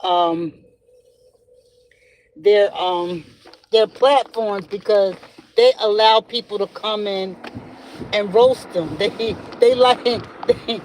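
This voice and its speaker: A woman hosts her podcast in an unhurried, rambling solo chat, breaking into laughter as she tells stories. She records from the driver's seat of a car. A faint hum of road and engine noise sits under her voice. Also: mid-range voice, rough recording. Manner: laughs often, rambling and animated storytelling. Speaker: podcast host. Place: in a car while driving. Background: faint road and vehicle noise.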